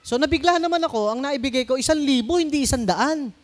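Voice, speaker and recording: High-voiced Filipino pastor preaching. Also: male voice, fast. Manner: conversational preaching mixing in English, asks the congregation for responses. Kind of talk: sermon.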